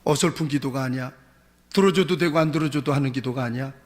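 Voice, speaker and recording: A man's voice: medium pitch, fast talker. A male pastor preaching a sermon, leading his congregation in call-and-response. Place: church sanctuary. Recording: long church hall reverb.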